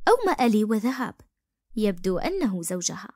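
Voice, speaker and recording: A woman narrating a first-person story for an animated cartoon in an expressive, emotive way. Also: medium pitch, brisk, no echo, studio quality.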